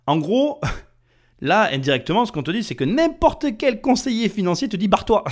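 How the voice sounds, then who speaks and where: Male podcast host, angry rant, lively swooping pitch, somewhat high voice. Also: moderate pace. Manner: heated, indignant, addresses listener directly. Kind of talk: ranting podcast commentary.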